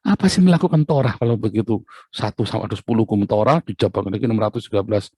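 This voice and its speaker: A man's voice: fairly low pitch, rapid-fire, dark tone, slightly rough, no room sound. A male preacher giving a sermon in a conversational way, with asides and rhetorical questions.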